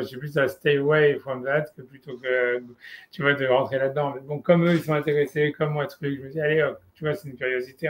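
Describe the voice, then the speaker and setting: A middle-aged man in casual chat, rambling with many restarts as he explains his study groups. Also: mid-range voice.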